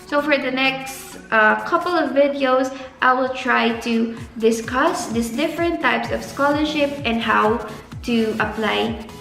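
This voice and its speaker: A woman's voice: a little high, a little slow, gravelly, a bit bright. A young Filipino woman with a Filipino accent, a graduate student giving casual, earnest advice in a vlog and stretching words for emphasis. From Philippines. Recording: echoey room with faint music.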